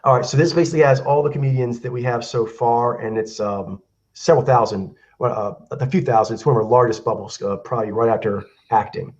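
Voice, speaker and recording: A man hosting a casual online talk show over a video call, slightly hoarse from a cold, talking in a loose, rambling way with many fillers. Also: medium pitch, fast, darkish tone, highs cut off. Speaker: host.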